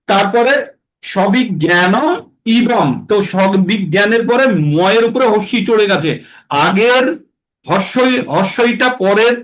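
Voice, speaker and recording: A man teaching how to recite Sanskrit verses in a class, explaining patiently and slowing to chant lines syllable by syllable. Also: high-pitched, a bit bright, a little hiss or hum, poor audio. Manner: patient, explanatory, checks understanding.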